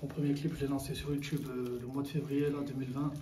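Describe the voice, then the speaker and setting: Outdoors in a neighborhood, a rapper in his twenties of Sri Lankan heritage, raised in France, chats in slangy street talk thick with filler tags for a casual street interview. His medium-pitched voice is level, fast and mellow, picked up from a distance in a roomy recording with faint street noise.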